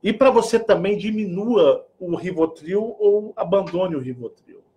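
A man's voice: high-pitched, lively intonation, measured pace, mellow, muffled recording. A middle-aged Brazilian man with a Brazilian Portuguese accent, hosting a spiritual channel in a casual, joking monologue that swings between mock-posh and earnest.

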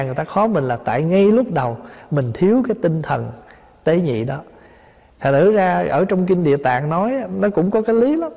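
A man's voice: a little high, dark tone. A man, a Buddhist monk, giving a dharma talk, explaining patiently and asking listeners rhetorical questions. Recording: long hall reverb.

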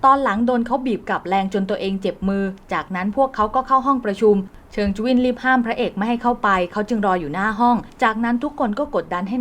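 A woman narrating a drama series recap in a brisk, continuous scripted retelling. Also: mid-range voice.

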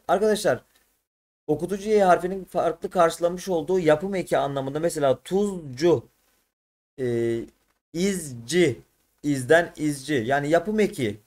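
Teacher, male, slightly high voice, tired, thinks aloud and self-corrects. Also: animated, moderate pace, darkish tone. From Turkey. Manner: thinks aloud, corrects himself mid-solution. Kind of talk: exam prep lesson.

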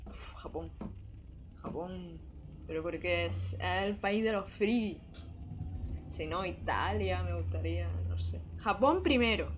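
A woman's voice: on the low side, lively intonation, a little slow, a little hiss or hum. A young woman with a Spain Spanish accent, casually commenting on a horror game and reading its messages aloud in a chatty, jumpy, joking way. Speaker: gaming streamer. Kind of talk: casual let's play commentary.

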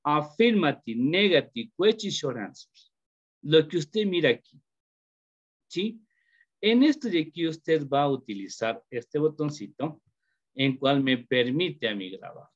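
Lively man teaching English in a lo-fi call. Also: on the high side, unhurried. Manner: mixes Spanish and English, lively and encouraging. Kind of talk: online class explanation. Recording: dull lo-fi audio.

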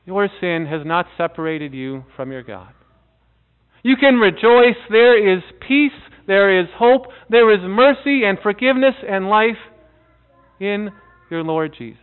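High-voiced man preaching, tinny sound. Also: animated, smooth. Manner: earnest preaching with dramatic pauses and soft drops. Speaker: pastor. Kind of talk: sermon. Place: church sanctuary before a seated congregation. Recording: tinny phone-like audio.

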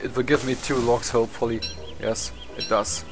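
Game music runs under this casual let's play, where a young German-accented man, speaking English as a second language, rambles, swears and laughs at himself while commentating. His mid-range voice is flat in delivery and moves at a moderate pace.

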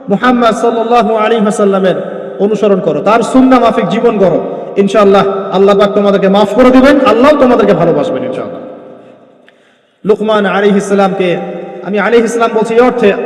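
A man preaching a sermon, firing rhetorical questions at his listeners. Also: high voice. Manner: emphatic, rhetorical questions to the crowd. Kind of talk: Bengali Islamic sermon. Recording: echoey hall.

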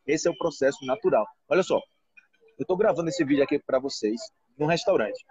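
A Brazilian man hosts a casual live language chat from a restaurant table. His voice sits a little high and has a husky edge, and he talks in an animated way, slipping into other people's voices. The sound is dull and dry. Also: brisk. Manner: animated, acts out quoted voices. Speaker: Portuguese teacher hosting a live stream.

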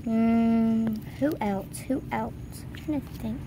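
A woman's voice: fairly high pitch, steady tone, slow pace, noisy background. A woman musing aloud as she improvises a toy horse role-play, recorded outdoors on a handheld camera.

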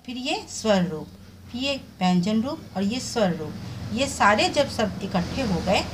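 A woman's voice: medium pitch, sing-song, measured pace, a little hiss or hum. A woman teacher giving a recorded revision lesson, explaining step by step and answering her own questions. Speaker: Hindi teacher.

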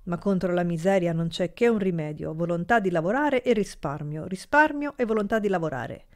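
A woman's voice: fairly low pitch, lively intonation, fairly quick, lightly acted. A woman voicing a stern middle-aged uncle who speaks firmly in a storybook reading. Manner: firm, stern.

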